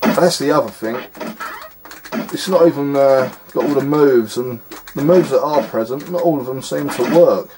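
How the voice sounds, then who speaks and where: A man talks through a game he clearly despises, exasperated and scornful, trailing into fillers as he plays. His voice sits at an ordinary middle pitch. A steady hiss and clicking sit under the whole recording. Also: moderate pace. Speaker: retro game reviewer. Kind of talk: casual gameplay commentary.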